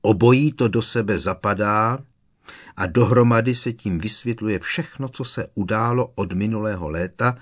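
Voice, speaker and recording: A stern, wise old headmaster, as a man voices him in an audiobook, measured and cold in his firmness. The voice is low and husky. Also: lightly acted. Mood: firm. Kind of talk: audiobook character reading.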